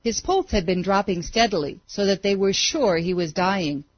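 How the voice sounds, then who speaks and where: A woman narrating an audiobook in a measured, dramatic reading style that slows on vivid passages. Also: mid-range voice, dry recording. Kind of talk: scripted narration. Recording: dull, dry audiobook recording.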